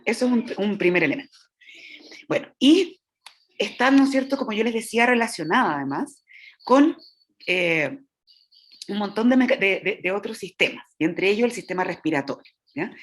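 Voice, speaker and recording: A woman's voice: mid-range voice, breathy edge. A woman teaching about the voice, explaining step by step and often checking in with her listeners. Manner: demonstrates vocal sounds. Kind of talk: lecture to teachers.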